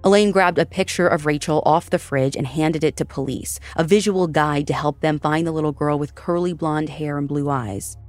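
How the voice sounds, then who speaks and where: A woman hosts and narrates a scripted true-crime story in a measured, dramatic delivery. Her voice sits notably low for a woman. Faint music runs under her narration. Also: steady tone, darkish tone, dry recording. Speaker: podcast host and narrator.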